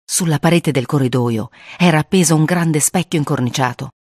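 A reader narrating a spooky children's story aloud in an expressive way, acting out the voices. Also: medium pitch, brisk, slightly rough, no echo, studio quality.

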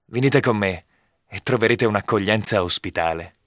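A man voicing a bold, cheerful young male archer in a storybook reading, speaking calmly and firmly. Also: lowish voice, moderate pace, no echo, clean studio sound, close to an everyday voice. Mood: proud, earnest. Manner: calm, firm.

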